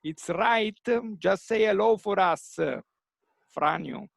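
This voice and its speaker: A man's voice: high voice, slow, gravelly, fairly bright tone, no room sound. Male moderator on a video call, filler-heavy, dry sound. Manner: repetitive, many fillers and restarts. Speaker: workshop moderator. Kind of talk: online meeting facilitation.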